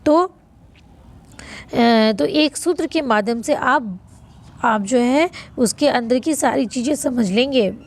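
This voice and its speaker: A woman's voice: on the high side, takes it slowly, pauses often. A woman teaching a Sanskrit grammar lesson, patiently repeating rules and answering her own questions. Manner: stretches vowel sounds to demonstrate length. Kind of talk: online lesson explaining notes.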